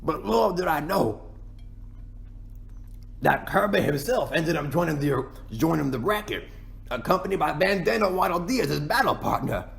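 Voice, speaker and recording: A man voicing a self-pitying, boastful cartoon penguin king in a folksy, rambling ASMR roleplay monologue, with a gravelly, creaky voice. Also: on the high side, animated, moderate pace, fairly bright tone, exaggerated voice. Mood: glum, complaining.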